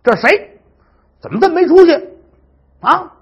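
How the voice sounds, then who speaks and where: A man doing a shrill spiteful stepmother. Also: very animated, fairly quick. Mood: shrill fury. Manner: shrieking, wailing tantrum. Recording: dull lo-fi recording.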